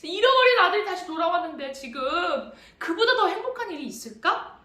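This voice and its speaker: Joyful welcoming dad, put on by a lady preacher, high lively voice, echoey church. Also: a little fast, distant mic, background noise. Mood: overjoyed. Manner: exclaiming, warmly pleading. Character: loving joyful father welcoming his lost son.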